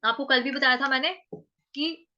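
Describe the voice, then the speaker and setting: A woman teaching how to chant a Sanskrit verse, breaking words into syllables, repeating them, and chanting lines slowly. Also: high voice, bright, forceful tone, muffled recording. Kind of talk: syllable-by-syllable pronunciation lesson.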